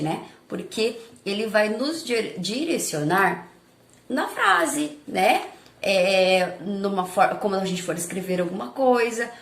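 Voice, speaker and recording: A woman's voice: medium pitch, creaky, reverberant. A woman teacher with a Brazilian Portuguese accent, patiently reviewing lessons step by step for her pupils and often checking they follow. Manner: patient, explaining step by step with frequent check-ins.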